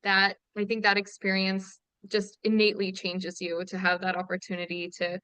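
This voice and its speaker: A woman's voice: medium pitch, monotone, normal speed, bright, forceful tone, smooth, no echo. A woman from Ontario hosting a webinar interview, affirming and asking questions with many fillers over a video call. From Ontario, Canada. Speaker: webinar host. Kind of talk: casual interview conversation.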